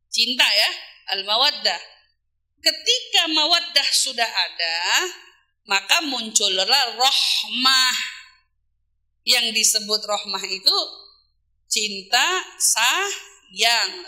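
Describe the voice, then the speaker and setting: A woman's voice: on the high side, lively intonation, takes it slowly, pauses often, bright, forceful tone. A woman preacher giving a casual religious talk to women. She asks rhetorical questions, answers them herself, and stretches single words out for emphasis. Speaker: Islamic preacher.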